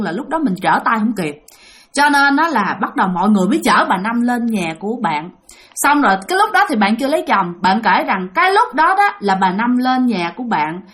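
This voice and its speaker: A woman with a Southern Vietnamese accent tells a ghost story in a chatty manner, addressing her listeners directly. Her voice is medium in pitch.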